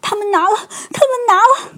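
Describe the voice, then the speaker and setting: A woman's voice: fairly quick, sharp tone. A woman voicing a panicked little girl bear cub in a storybook. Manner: shrill, crying out.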